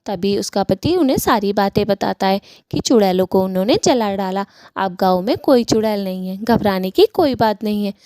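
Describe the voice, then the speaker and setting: A woman narrating a cartoon story in a plain, steady storytelling manner. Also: medium pitch, normal speed, few pauses, no echo, clean studio sound.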